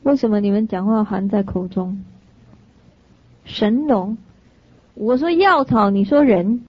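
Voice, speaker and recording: A woman teaching a sermon through lively stories, often laughing and correcting herself. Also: mid-range voice, a little slow, dry recording. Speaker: dharma teacher. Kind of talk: storytelling sermon to an audience. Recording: dry, slightly dull lo-fi sound.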